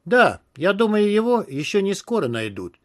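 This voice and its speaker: A man's voice: sits high, very animated, moderate pace, fairly bright tone, voice pushed up. Man doing a jittery young henchman, hesitant, mumbling, deferential, audiobook. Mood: nervous. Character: stooped nervous young male henchman.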